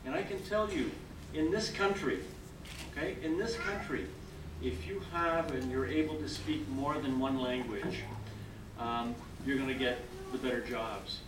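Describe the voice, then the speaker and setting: Unhurried and medium-pitched, an older citizenship judge from Canada whose first language is French encourages new citizens in a large hall with an audience. He frequently checks in with "okay?". His speech echoes, picked up by a faraway mic amid noise.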